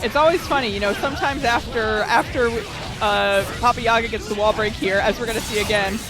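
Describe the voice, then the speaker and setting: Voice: medium pitch, brisk, over music, rough recording. A chatty co-commentator giving casual color commentary on a fighting-game match, often laughing. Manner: chatty, laughs easily, says "like" and "you know". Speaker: tournament co-commentator.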